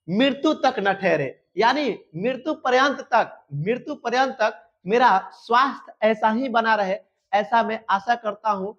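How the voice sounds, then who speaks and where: A man with a Bihari accent teaching a class, reading English verse slowly and then explaining it line by line. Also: very high voice, a bit bright, muffled recording. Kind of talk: Hindi lecture explaining an English poem.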